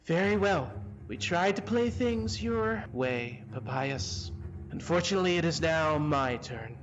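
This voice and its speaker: A man voicing a soft-spoken, stern sorcerer who threatens calmly in a tabletop game. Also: fairly high pitch, dull audio. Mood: cold. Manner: calm, stern, measured.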